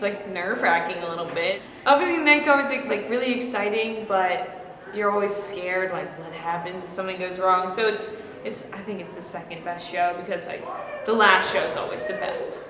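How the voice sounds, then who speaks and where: Casting: teen girl, mid-pitched, chatty, long reverb and faint noise. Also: normal speed, fairly bright tone. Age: teens. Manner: chatty, filler-heavy. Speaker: student performer. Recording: echoey hall, faint noise.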